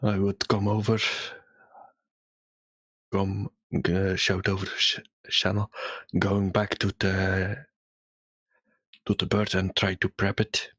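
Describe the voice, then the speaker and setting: A man's voice: deep voice, monotone, takes it slowly, pauses often, fairly bright tone, no room sound. A man playing a tabletop game, hesitant and thinking aloud with ums. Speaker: player. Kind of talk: casual tabletop play.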